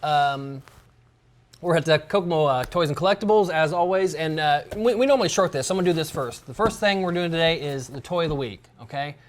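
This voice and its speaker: A man's voice: on the high side, fairly quick. A man with a slightly raised voice hosts a loose, comedic chat. He rambles, jokes and plugs products as he goes. He speaks into a clip-on mic inside a toy and collectibles shop. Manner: rambling and jokey, plugging things. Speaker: show host.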